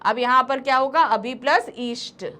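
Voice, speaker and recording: A woman teaching a grammar lesson, reading out word lists slowly one word at a time with quick explaining asides. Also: high-pitched, bright, forceful tone. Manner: slow, deliberate word-by-word dictation with quick asides.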